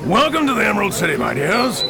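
Fussy gatekeeper, woman in the role, creaky animated voice, exclamatory audio drama delivery, crowd behind. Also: mid-range voice, quick pace. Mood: dismissive. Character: flustered, dismissive old-fashioned city gate keeper. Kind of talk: theatrical audio drama acting.

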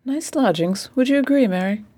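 A woman playing a brisk, authoritative lady detective in a radio play, speaking with precision. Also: fairly high pitch, lively intonation, warm tone. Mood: brisk, commanding. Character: brisk, commanding lady detective leading her assistant.

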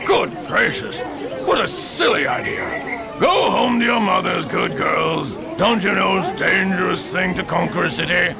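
A woman's voice: fairly low pitch, animated, unhurried, vocal fry. A woman playing a fussy, exclamatory gatekeeper in a theatrical audio drama. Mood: dismissive. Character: flustered, dismissive old-fashioned city gate keeper. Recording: crowd noise behind the voice.

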